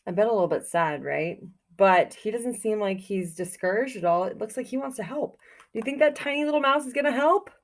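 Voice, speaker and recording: A woman with a slightly high voice and lively intonation reads to children at a brisk pace, much as a teacher would. Her delivery is expressive and sing-song, and she keeps inviting her young listeners with simple, encouraging questions.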